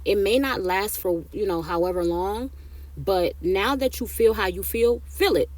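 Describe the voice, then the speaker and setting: A woman in her thirties talks straight to camera in a loose, chatty way, handing out life advice. She circles back over her points and keeps checking in with her listeners with a quick "right?" or "okay?". Her pitch sits in the middle for a woman. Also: darkish tone. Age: 30s. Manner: chatty, repeats herself, tags lines with "right?" and "okay?". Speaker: vlogger giving life advice. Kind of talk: casual advice talk to camera.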